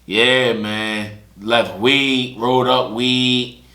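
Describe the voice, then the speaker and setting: Speaking very slowly in a medium-pitched voice, a young podcast host spins casual stories, animatedly performing other people's lines. The room sounds echoey.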